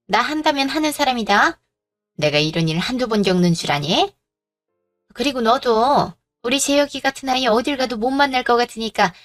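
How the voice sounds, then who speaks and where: A woman's voice: a little high, close to an everyday voice. A woman voicing a pushy, greedy middle-aged mother-in-law who scolds and makes demands, in a storybook drama reading.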